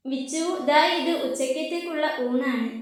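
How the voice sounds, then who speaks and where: A woman voicing a fussing, doting middle-aged mother in a storybook tale, gently complaining, in a very echoey room. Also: sits high, moderate pace, natural voice.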